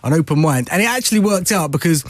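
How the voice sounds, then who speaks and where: Lively, fast-talking radio host man. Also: a little high, dry recording. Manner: energetic, teasing, laughs a lot. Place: radio studio.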